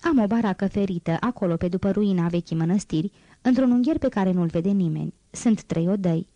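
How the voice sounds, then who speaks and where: A devoted old gardener chatters away with a dark, warm tone, as a woman reader puts him on. The reading is close and dry. He sounds humble and eager to help. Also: medium pitch, no room sound, muffled recording, lightly acted.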